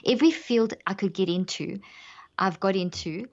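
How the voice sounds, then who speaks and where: A woman's voice: mid-range voice, normal speed, darkish tone, muffled recording. A woman from Zimbabwe with a South African accent, a podcast guest explaining ideas with analogies and frequent restarts. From Zimbabwe, raised in South Africa.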